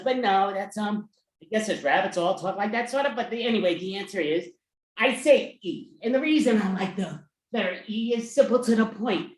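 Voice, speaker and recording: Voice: medium pitch, close to an everyday voice. A performer putting on a chatty Easter Bunny who rambles and restarts sentences, recorded in an echoey room.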